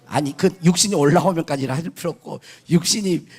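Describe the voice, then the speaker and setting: Animated, husky-voiced Korean pastor preaching. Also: male voice, fairly high pitch, moderate pace. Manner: emphatic, asks the congregation questions and answers them; swings between hushed asides and shouted declarations. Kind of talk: sermon.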